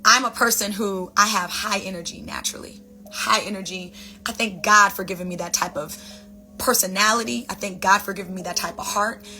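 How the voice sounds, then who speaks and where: Bright-voiced expressive woman vlogger. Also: mid-range voice, brisk, soft background music. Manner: expressive, chatty, repeats phrases for emphasis, calls listeners "baby" and "you guys". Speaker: vlog host, wellness speaker. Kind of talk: casual motivational talk to camera.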